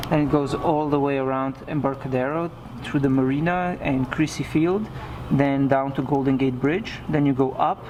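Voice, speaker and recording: A man's voice: a little high, background noise. A man chatting casually as he narrates his vlog. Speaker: vlogger.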